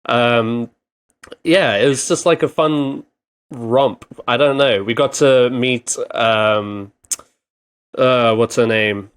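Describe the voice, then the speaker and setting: A man's voice: medium pitch, steady tone, smooth. Rambling man chatting on a podcast. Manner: rambling, halting with many fillers. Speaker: podcast co-host. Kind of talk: casual chat.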